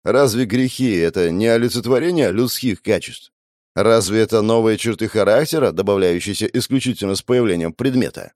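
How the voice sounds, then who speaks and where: A man's voice: lowish voice, fairly quick, a little mellow, dry recording, studio quality, natural voice. Man voicing a smirking spirit of light. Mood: mocking. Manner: mocking, smirking.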